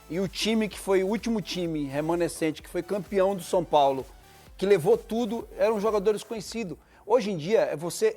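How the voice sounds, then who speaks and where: A man's voice: sits high, darkish tone. A man on a sports panel, stubbornly repeating his point and tripping over words. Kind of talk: heated casual sports chat.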